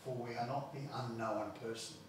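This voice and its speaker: A man's voice: medium pitch, steady tone, moderate pace, background noise. A man with an Australian accent preaching a sermon as pastor, stressing points and repeating words as he builds them. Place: church. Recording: very echoey church hall, mic far off.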